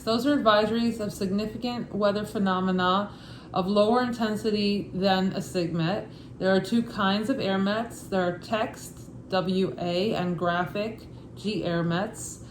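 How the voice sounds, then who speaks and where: Brooklyn accent lady reading study notes out loud, casual n matter of fact, roomy echo, bit of noise behind. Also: mid-range voice. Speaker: instructor reading a study guide. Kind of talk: informal read-aloud study lesson with asides. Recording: echoey room with faint background noise.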